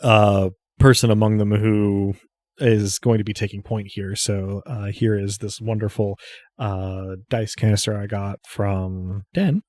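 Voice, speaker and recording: A man acting as game master, improvising casual narration in a halting way, thinking aloud as he goes. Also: fairly low pitch, steady tone, a little mellow, slight background noise.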